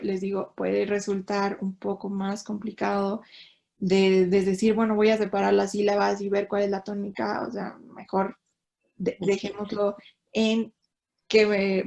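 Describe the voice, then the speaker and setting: A woman with a Mexican Spanish accent, an English teacher explaining grammar step by step in an online class, pausing to check that students follow. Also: medium pitch, creaky, darkish tone. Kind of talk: online class, reading and explaining in two languages.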